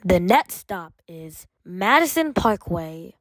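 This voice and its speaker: A woman reading scripted train announcements as an automated announcer, in measured, formulaic phrases with separate segments. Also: lowish voice, very animated, no room sound, studio quality.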